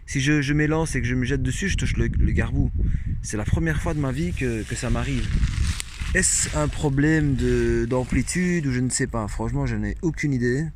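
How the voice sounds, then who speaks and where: A man's voice: mid-range voice, moderate pace, noisy background. A man with a Belgian French accent chats casually through an unboxing video. He jokes, rambles and throws in lots of "hop" and "hein" as he talks. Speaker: vlogger. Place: outdoors in cold wind.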